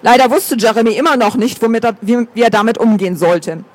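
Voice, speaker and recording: Man reading an audiobook, high voice, steady storytelling. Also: fast. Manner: even, storytelling. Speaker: audiobook narrator. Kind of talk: scripted narration.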